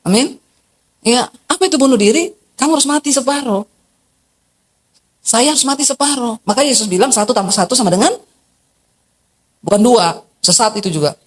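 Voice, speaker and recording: A woman pastor delivering an animated sermon in a high voice. She moves between loud, emphatic lines and quiet, low-pitched asides. She keeps asking the congregation questions in a casual, blunt way. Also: fairly quick, long pauses. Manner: lively preaching with rhetorical questions and colloquial asides.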